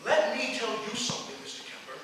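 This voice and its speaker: A teenage boy acting a gruff, pompous old merchant in a school stage play, bossy and blustering. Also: extremely high pitch, little pitch movement, quick pace. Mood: stern. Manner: blustering, bossy, shouts in bursts. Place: large auditorium stage. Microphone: far camera in the audience. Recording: echoey hall from far off, noisy.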